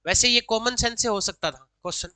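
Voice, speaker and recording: A woman teaching exam solutions, reading each English question slowly, then explaining quickly in Hindi mixed with English. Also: on the high side, pushed and bright, no echo, poor audio. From Haryana, India.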